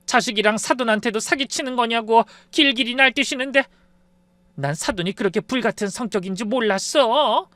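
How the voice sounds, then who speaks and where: An older mother-in-law, flustered and shaken, tumbles out her story in a high, raised voice full of exclamations, as a man puts her on. The storybook reading sounds close and dry. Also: fairly quick, bright, forceful tone, no echo. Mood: agitated. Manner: exclaiming with sighs, breathless retelling.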